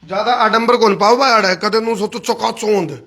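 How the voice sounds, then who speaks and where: A Haryanvi-accented interviewer, talking in a folksy, chatty way and nodding along with short affirmations. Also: male voice, high voice, normal speed, pushed and bright. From Haryana, India.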